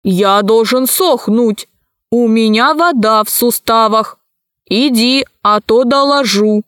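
A woman reading a children's story aloud, voicing an emotionless male robot in a slow, flat, toneless robot voice. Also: a little high, no room sound, clean studio sound.

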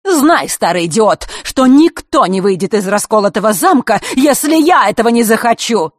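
A woman voicing a villainous female clockmaker who taunts and shouts in a high, strained voice. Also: lively intonation, moderate pace, no room sound, studio quality. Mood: furious. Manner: taunting, shouting, sing-song.

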